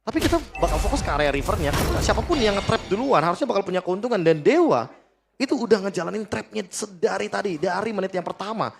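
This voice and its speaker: A man's voice: high-pitched, animated, fast, creaky, faint music behind. A man giving analytical esports commentary as a co-caster, explaining tactics as the match runs.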